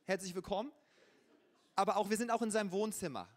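Sex: male. Role: preacher. Style: casual, lively sermon to a congregation. Pitch: high for a man. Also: fast. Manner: colloquial and conversational, with frequent filler ja. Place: church service.

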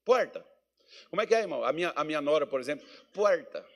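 A man's voice: fairly high pitch, expressive, very fast, gravelly. A male pastor from Minas Gerais preaching a sermon, mixing folksy joking asides with emphatic, rising preaching. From Minas Gerais, Brazil. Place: church meeting hall.

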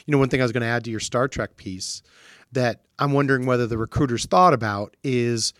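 A man on a video call thinks out loud, restarting sentences as he works toward his point. His voice sits at a middle pitch. The sound is dry, with no room around it. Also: a little fast, no echo. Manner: reflective, thinks aloud with restarts. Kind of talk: casual conversation.

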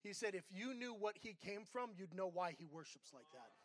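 A man's voice: high-pitched, animated, normal speed, fairly bright tone, dry recording. A middle-aged man, an associate pastor, giving a candid, conversational sermon built on personal stories.

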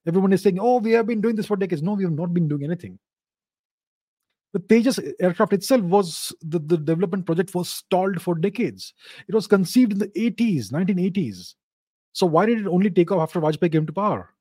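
Casting: male Q&A host, Indian accent, fairly high but soft-toned voice, opinionated and explanatory. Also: expressive, a little fast, breathy edge, no room sound. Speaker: host of a live Q&A show. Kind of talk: informal geopolitical commentary answering viewer questions.

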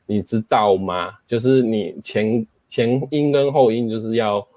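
Man, fairly low voice, very dry close sound, casual explainer, demos phrases aloud, lots of fillers. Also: a little slow, a little mellow, no room sound. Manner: explains with spoken demonstrations and frequent fillers. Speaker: host explaining speaking skills.

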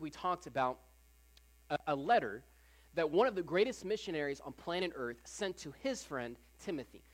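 A preacher giving a conversational Sunday sermon to a congregation, often repeating phrases and filling pauses with "like". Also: medium pitch. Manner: casual, repeats phrases, frequent "like" fillers.

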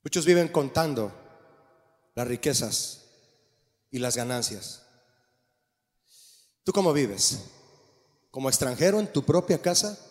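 A man preaching a sermon as pastor, animated and asking the congregation questions. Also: mid-range voice, takes it slowly, pauses often. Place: church. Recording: long church reverb.

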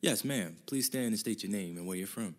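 A male TV host in a comedy sketch, speaking in a fairly low voice. His delivery is formal and measured, in the manner of a studio presenter taking audience questions. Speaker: TV show host. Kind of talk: scripted sketch hosting.

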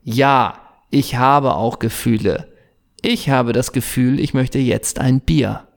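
A man co-hosting a podcast with a gravelly, creaky edge to his voice. He talks in relaxed, casual banter, teasing his co-host and tagging his sentences with quick little questions. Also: mid-range voice. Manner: relaxed, chatty, teasing, with frequent tag questions.

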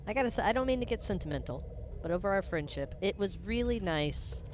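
A woman's voice: medium pitch, expressive, brisk. A woman co-hosting improvised comic role-play, chatting in a crude, rambling way. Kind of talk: improvised comedy chat. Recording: clear background noise.

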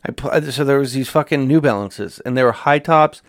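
Thirty-year-old guy on a podcast, swears a lot, mid pitch, dry close sound. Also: fairly quick, no echo. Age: 30s. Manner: profane, storytelling, self-mocking. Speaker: podcast co-host. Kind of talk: casual chat.

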